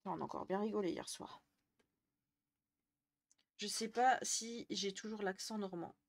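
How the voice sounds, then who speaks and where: A woman's voice: medium pitch, measured pace. A young woman from the Jura chatting casually on a live stream, answering viewers' messages and laughing often. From Jura, France. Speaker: Twitch streamer.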